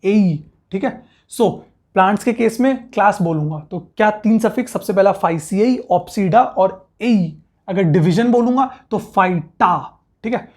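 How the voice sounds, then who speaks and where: A man teaching a biology class in Hindi and English, briskly repeating terms for students to memorize. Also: high-pitched, darkish tone. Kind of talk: classroom lecture.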